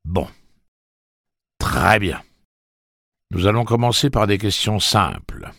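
A man's voice: fairly low pitch, lively intonation, slow pace, vocal fry, a bit bright, no room sound, clean studio sound, pitched above the performer's own voice, heavily acted. A man reading an audiobook, voicing a sadistic male gang boss who sneers and makes mocking threats. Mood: sneering. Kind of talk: audiobook character voice.

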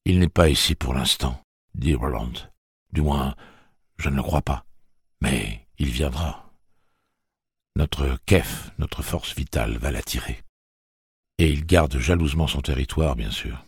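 A man voicing a stern, terse gunslinger who gives calm commands in an audiobook. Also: a bass voice, unhurried, pauses often, slightly rough, dry recording, studio quality, full character voice.

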